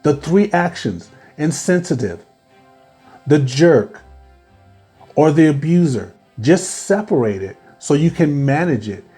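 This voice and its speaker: A man's voice: fairly high pitch, animated, slow pace, warm tone, faint music behind. A man hosting his own video, talking straight to the camera and giving advice, asking rhetorical questions and repeating his key points. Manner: asks many rhetorical questions. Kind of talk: direct-to-camera talk.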